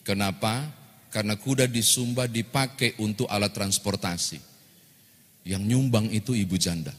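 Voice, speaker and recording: A male pastor, giving a lively sermon and joking with the congregation. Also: lowish voice, moderate pace, slightly rough. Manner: lively storytelling, jokes with congregation. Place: church hall. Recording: long church-hall reverb.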